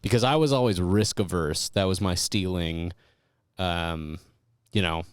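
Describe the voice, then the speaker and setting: A man's voice: sits low, a little slow, clear, resonant tone, dry recording, clean studio sound. A man co-hosting a comedy podcast, wisecracking and steering the talk with questions. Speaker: podcast co-host. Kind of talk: casual comedy podcast banter.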